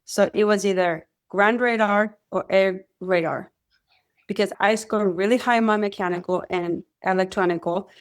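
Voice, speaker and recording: In a conversational interview, a woman who is a radar technician guest relates her story at a moderate pace and in a mid-range voice. She comes from Mexico, speaks Spanish natively, and storytells with animation, voicing the quoted lines dramatically.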